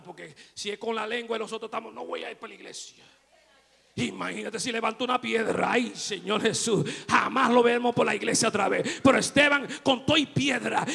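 A male pastor preaching a sermon, shouting out lines and then dropping to a hushed, almost whispered voice. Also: very high voice, gravelly, husky, big-room sound.

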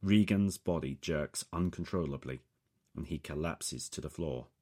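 A man narrating a first-person thriller audiobook, measured and dramatic. His voice sits extremely low, a deep rumbling bass carrying every line. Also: darkish tone.

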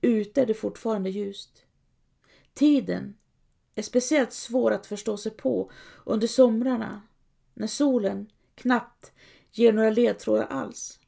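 A woman reading a story aloud as calm scripted narration, lightly voicing quoted characters. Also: on the high side, vocal fry. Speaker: audiobook narrator.

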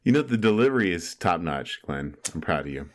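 Deadpan man with a deep voice. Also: brisk. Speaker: podcast co-host. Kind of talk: casual banter.

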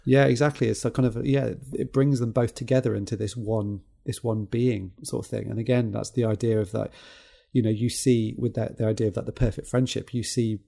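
Podcast co-host dude, mellow gravelly voice, rambles a bit, easygoing film chat. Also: male voice, mid-range voice, steady tone, fairly quick, hardly any pauses. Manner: rambling, agreeable, repeats "yeah" and "kind of". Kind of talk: casual film discussion.

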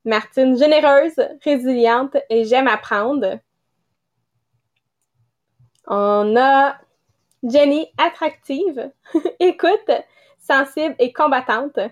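A woman co-hosting, reading listener comments aloud in a measured way. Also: sits high.

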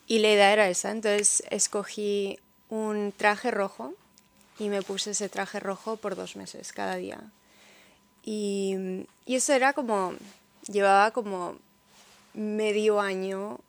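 A young woman with a mixed Spanish and Peruvian accent, chatting casually and telling her story in Spanglish. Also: medium pitch. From born in New York, Peruvian and Spanish parents. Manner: Spanglish, dropping English words into Spanish. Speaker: interview guest, model and sustainable fashion advocate.

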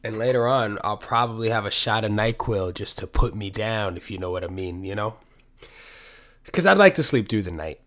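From his apartment, a sniffly podcast host with a cold rambles through a casual solo episode, swearing plenty and running himself down. His lowish, slightly bright voice is animated and moves at normal speed.

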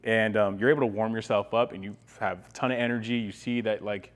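A young man, guesting as an ice bath workshop coach, explains things casually and enthusiastically in an interview. His voice is fairly low and fast with a steady tone.

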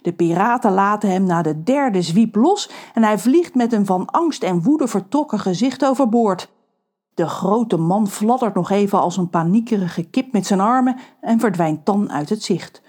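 A woman narrating a children's audiobook with lively, expressive storytelling. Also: medium pitch, moderate pace.

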